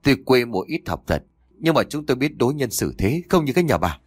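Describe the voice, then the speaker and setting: A man voicing a proud, blunt older uncle from the countryside, scolding quickly in a storybook reading. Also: mid-range voice, sing-song, slightly rough, no room sound.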